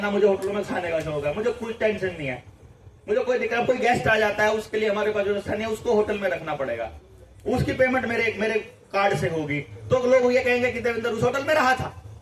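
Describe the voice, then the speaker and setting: A man leading a campaign, speaking informally to a gathering, emphatic and repetitive, firing off rhetorical questions. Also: sits high. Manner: emphatic, repeats phrases, rising rhetorical questions. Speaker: campaign leader addressing supporters. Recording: echoey room, voice from far off.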